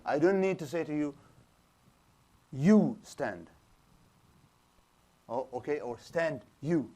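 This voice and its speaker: Slow, animated and mellow, this slightly high-voiced man teaches Islamic studies to a lecture class. He works in a small projector room, explaining ideas, asking rhetorical questions, and restarting frequently.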